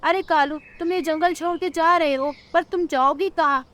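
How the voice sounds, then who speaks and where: List: woman doing a cartoon parrot friend, advising, concerned, high voice. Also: steady tone, moderate pace, a bit bright. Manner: urging, advising. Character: wise old parrot friend, male, concerned.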